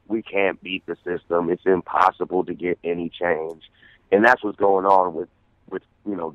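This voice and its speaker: Deep-voiced man on a tinny phone line. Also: no echo. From San Francisco, USA. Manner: earnest, repeats words while thinking. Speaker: guest artist. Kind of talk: casual radio interview.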